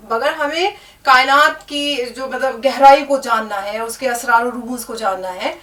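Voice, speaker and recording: A woman teaching a language lesson, explaining word meanings and spelling out letters slowly, often checking in with the learner. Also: high voice, a bit bright. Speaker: Urdu teacher. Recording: echoey room, mic at a distance.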